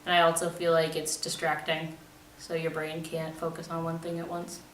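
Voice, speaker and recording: Low flat-voiced teenage woman student. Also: normal speed. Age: late teens. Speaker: college student. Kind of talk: interview answers. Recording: echoey room, distant mic, faint noise.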